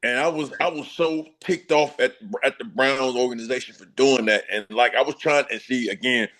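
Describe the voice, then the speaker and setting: A man's voice: medium pitch, steady tone, normal speed, fairly bright tone. A man guesting on a sports talk show, a former football player speaking in emphatic, slangy casual chat with laughing asides.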